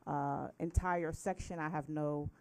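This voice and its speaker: A woman speaking as a city attorney, giving formal legal clarification in a deliberate, hesitant way. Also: deep voice, fairly even intonation, background noise.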